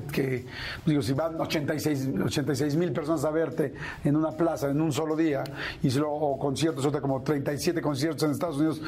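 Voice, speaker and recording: A man's voice: on the high side, darkish tone, a little hiss or hum. A man with a Mexican accent hosting a radio show and interviewing in a conversational way.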